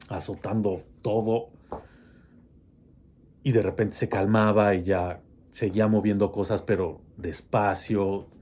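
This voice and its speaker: A man tells his own horror story slowly and deliberately, in a lowish voice. He often stops and restarts, hedging as he goes. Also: darkish tone, breathy edge. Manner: hesitant, with many restarts and hedges. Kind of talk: personal horror story told casually.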